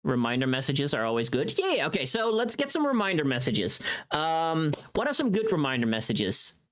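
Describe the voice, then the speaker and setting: A livestreamer who makes voice packs talks casually to viewers at a moderate pace. The mid-pitched voice is very animated, and the playful, rambling delivery thinks out loud as ideas arrive, full of loose, sweary language.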